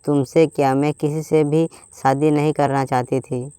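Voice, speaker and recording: A man's voice: a little high, level tone, normal speed, dark tone, smooth, no echo, studio quality, natural voice. A man voicing a frustrated young wife who answers back sharply in a storybook tale. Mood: upset. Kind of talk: storybook voice acting.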